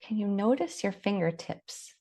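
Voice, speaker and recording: A woman guides a body scan meditation, her instructions gentle and unhurried with long pauses between them. Her voice sits in the mid range, with lively intonation and a creaky texture.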